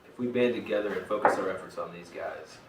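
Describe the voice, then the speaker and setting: Man putting on a low-voiced scheming crime boss. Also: fast talker, natural voice. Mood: rallying. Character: scheming male crime boss rallying thugs. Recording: roomy, distant, noisy home recording.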